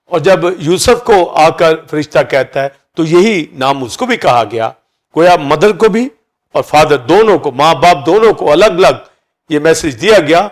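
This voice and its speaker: A pastor preaches a sermon, explaining key words by listing several meanings for each. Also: male voice, on the high side. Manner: teaching, repeats synonyms for each key word.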